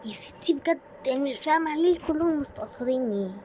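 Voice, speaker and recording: A woman's voice: high-pitched, animated, quick pace, dark tone, pitched above the performer's own voice. A woman with an Egyptian accent voicing a touchy teenage schoolgirl who snaps at classmates. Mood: aggrieved. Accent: Egyptian Arabic. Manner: snappy, aggrieved. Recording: noisy home recording.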